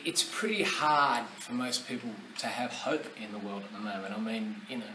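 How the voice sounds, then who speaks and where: A man's voice: mid-range voice, a bit bright. A man with an Australian accent talks through his views in a loose, rambling way, full of blunt swearing and filler words. He sits a little back from the mic in an echoey room, with a faint hiss of background noise. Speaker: vlogger. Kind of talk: casual opinion monologue. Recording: roomy sound, somewhat distant from the mic.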